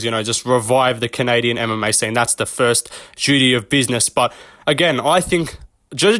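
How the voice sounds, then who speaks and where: A young man talking off the cuff about fighters in a loose, rambling way, full of swearing and little laughs at his own jokes. His voice sits at an ordinary male pitch. The sound is dry and close, with no room in it. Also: a bit bright, no room sound. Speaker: MMA commentary channel host. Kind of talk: casual off-the-cuff commentary.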